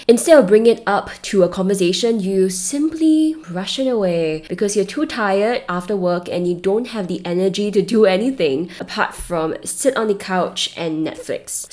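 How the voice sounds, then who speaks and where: A woman with a Singaporean accent and a voice a little lower than most women's. She delivers scripted advice as a host, speaking straight to the listener and stressing her points. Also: darkish tone. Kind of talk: scripted advice talk to camera.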